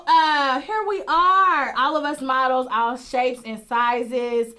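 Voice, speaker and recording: A woman with a high voice runs a casual live internet radio show. She talks in an excited, rambling way, repeating herself and calling out listeners. She speaks into a close studio microphone. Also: slow, smooth. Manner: excitable, chatty, repeats herself, lots of shout-outs.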